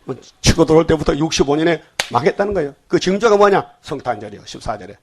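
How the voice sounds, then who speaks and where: An older pastor preaches a dawn sermon in a blunt Gyeongsang Korean accent, frequently stopping to ask the congregation questions. His voice is a little high, and he talks fast and very animatedly. A slight hiss or hum is present.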